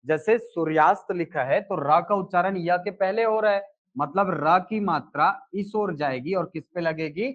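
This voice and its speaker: A man teaching a live class at a very slow, deliberate pace, throwing out questions and answering them himself. His voice sits a little high for a man. The recording sounds dull and lo-fi. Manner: explains slowly, asks and answers his own questions.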